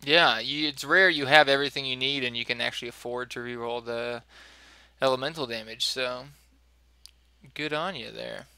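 A man co-hosting a podcast, chatting casually about listener-sent game items in a relaxed way. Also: medium pitch, normal speed, smooth. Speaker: podcast co-host. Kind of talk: casual gaming chat.

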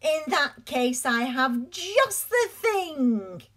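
A woman's voice: sits high, big pitch swings, drawn-out words, a bit bright, full character voice. A woman reading aloud and voicing a fussy, eager-to-please male shop assistant in a storybook. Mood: helpful. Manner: fussy and attentive, like a salesman.

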